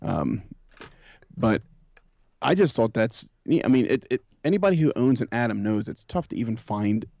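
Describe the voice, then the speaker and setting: A man's voice: mid-range voice, big pitch swings, normal speed, gravelly, a little mellow, no room sound, studio quality. A man co-hosting a podcast, chatting casually and rambling with many fillers about vintage computers. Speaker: podcast co-host.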